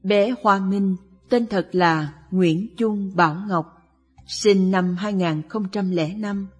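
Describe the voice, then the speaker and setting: A woman narrating a sad Buddhist life story in a slow, measured, mournful way. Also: medium pitch, breathy edge. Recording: long reverb with soft music behind.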